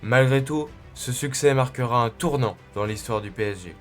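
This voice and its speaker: A man's voice: medium pitch, moderate pace. A man reading scripted documentary narration as the narrator of a sports history. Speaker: narrator of a football club history. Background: music.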